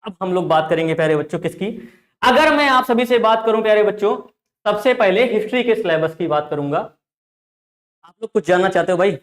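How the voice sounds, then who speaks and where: A high-pitched, expressive man talks fairly quickly with a fairly bright tone, and the sound is reverberant. He is an online tutor teaching a class, emphatic and repetitive, often calling his listeners "dear children".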